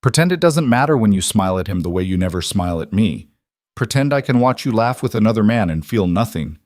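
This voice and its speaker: A controlling mafia husband holds his jealousy behind a tight, restrained delivery, voiced by a man narrating. His voice sits low and the sound is dry and close. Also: expressive, fast talker, darkish tone, no room sound, lightly acted. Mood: raw.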